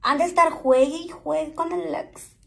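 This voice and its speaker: A woman's voice: high-pitched, steady tone, moderate pace, gravelly, fairly bright tone. A woman with a Mexican accent chatting and joking with viewers while doing her makeup on a live stream, often calling them "chicas". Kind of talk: casual chat to viewers.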